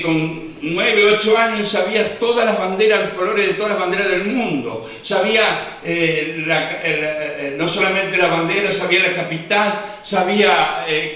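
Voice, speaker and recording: A man's voice: sits high, bright, forceful tone. A man, preaching a sermon as pastor with a fervent, repetitive cadence. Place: church hall. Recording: echoey hall, distant mic.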